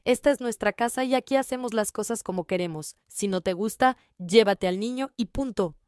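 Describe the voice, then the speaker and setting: A woman's voice: medium pitch, a little fast, a little mellow, no room sound, studio quality, natural voice. A woman voicing a blunt, stubborn grandfather in a narrated story. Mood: curt. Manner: blunt and curt.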